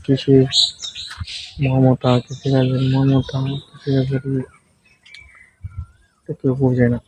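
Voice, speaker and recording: Shy, soft-spoken man, very flat. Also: mid-range voice, takes it slowly, a little hiss or hum, rough recording. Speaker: farming vlogger, new content creator. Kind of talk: casual walking tour narration. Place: outdoors among crops and trees.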